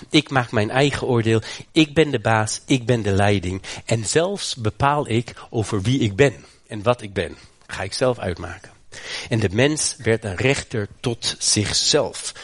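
A man from the Netherlands preaching a sermon with passion, swinging from low, grave lines to high, fervent ones, often repeating words as he builds. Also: breathy edge, no room sound. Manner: repeats words and restarts phrases. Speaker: pastor.

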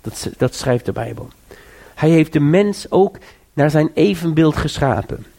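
Gravelly preacher urging his listeners. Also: animated, a little slow, warm tone. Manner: earnest exhortation, repeats and rises in pitch to urge listeners. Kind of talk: sermon.

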